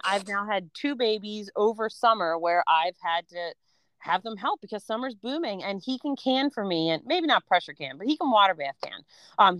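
A woman in her thirties chats casually as a podcast co-host, frank and easygoing, with plenty of "um" and "you know." Her pitch sits in an ordinary middle range. The sound is dry and close, with no room echo. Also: a bit bright, smooth. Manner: chatty, frank, many fillers like "um" and "you know". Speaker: podcast co-host, homeschooling mom.

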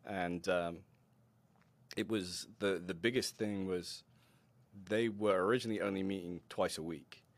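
Very deep-voiced man telling stories. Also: unhurried. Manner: animated, self-deprecating, laughs often. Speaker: robotics team mentor, podcast guest. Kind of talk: conversational interview storytelling.

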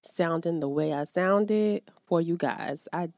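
A woman with a voice on the low side hosts a faith podcast, upbeat and talking directly to listeners before praying aloud. She speaks slowly in a slightly mellow tone. Her podcast mic gives a dry, clean studio sound.

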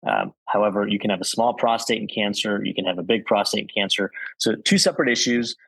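A man, a urologist guest on a podcast, calmly explaining medical issues in plain words. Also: on the low side, quick pace, gravelly, slightly rough, no echo, rough recording. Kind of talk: explanatory interview answers.

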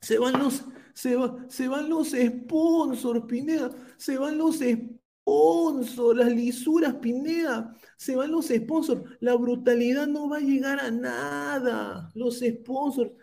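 A man's voice: very high-pitched, takes it slowly, gravelly, few pauses, dark tone, pitched above the performer's own voice, heavily acted. A man putting on the voice of a whiny, fussy male critic, simpering in a sing-song, mocking way. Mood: whining mockery.

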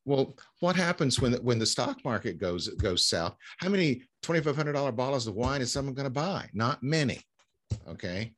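A man's voice: medium pitch, lively intonation, fairly bright tone. A man speaking as a fundraising consultant in an interview, explaining with frequent fillers and restarts. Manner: halting, many fillers and restarts. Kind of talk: conversational interview answers.

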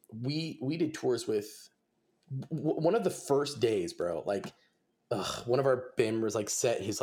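A man's voice: on the low side, a little mellow. A man in his twenties, a touring musician, chatting casually and rambling through stories with lots of fillers and swearing. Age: 20s. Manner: swears freely, rambling storytelling with many fillers. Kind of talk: casual podcast chat.

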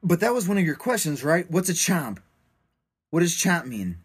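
A man with a slightly raised pitch co-hosts a relaxed podcast conversation. He jumps in with playful, teasing questions. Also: normal speed, breathy edge, no echo, clean studio sound. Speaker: podcast co-host. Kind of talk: casual chat.

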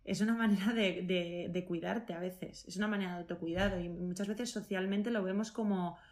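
A woman speaks as a nutritionist in a relaxed interview. She sounds eager and talks her ideas through, restarting her sentences and leaning on small fillers as she goes. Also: on the low side, a little fast. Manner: enthusiastic, thinks aloud, rephrases with many fillers. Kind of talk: casual interview answers.

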